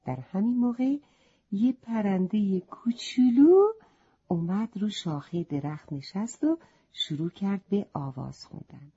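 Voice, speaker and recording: A woman narrating a children's story, speaking gently to the young listeners, on a slightly muffled recording. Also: fairly low pitch, lively intonation, slightly rough.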